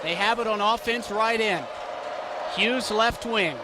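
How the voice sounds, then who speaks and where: A young adult man with a high, slightly slow voice reports on a live basketball game, giving radio play-by-play in clipped announcer style like a sports broadcast. The recording comes from a noisy arena, with the crowd and a bouncing ball audible behind him.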